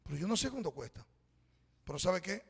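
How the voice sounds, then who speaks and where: Preaching in a church, a middle-aged pastor speaks a little fast in a high-sitting voice with big pitch swings, creaky and slightly rough. He shares a personal story in a conversational way, addresses the congregation as brothers, and the reverberant church hall echoes around him.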